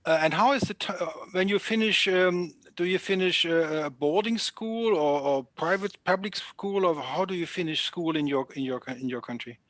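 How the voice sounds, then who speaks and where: Man, German native speaker, interviewer, fairly high voice, hesitant with fillers, dry close sound. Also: normal speed, hardly any pauses, a bit bright, dry recording. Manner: hesitant, many fillers between questions. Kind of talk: interview questions.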